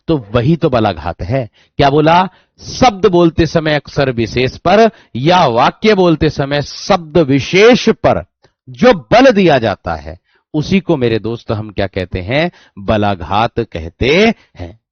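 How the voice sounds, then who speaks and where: A man's voice: lowish voice, no echo, muffled recording. A man teaching a grammar lesson online, repeating key words emphatically and often addressing students as his friends. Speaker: exam-prep teacher.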